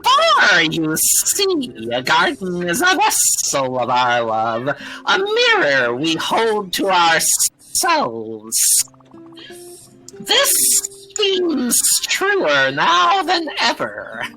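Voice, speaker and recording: Man doing a theatrical snake voice, gentle garden-loving female serpent, video game character, very slow, bright and sharp. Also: sits high, wildly swooping pitch, soft background music, heavily acted, low-quality recording. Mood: earnest, enchanted. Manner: put-on snake voice, theatrical and swooping. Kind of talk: game dialogue read aloud in character.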